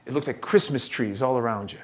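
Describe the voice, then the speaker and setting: A man's voice: medium pitch, a little fast. Middle-aged man, joking keynote speaker. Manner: relaxed, joking, storytelling with frequent fillers. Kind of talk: conversational keynote talk with storytelling. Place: church event space.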